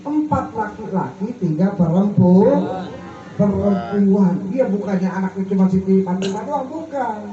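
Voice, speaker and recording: A man preaches a sermon in a large, echoey hall at a gathering, with soft music behind him. His intonation is lively and his pace a little slow; he leaves words unfinished for the crowd to complete and goes high and soft on questions. The recording is dull and echoey, picked up from a far mic with faint hiss.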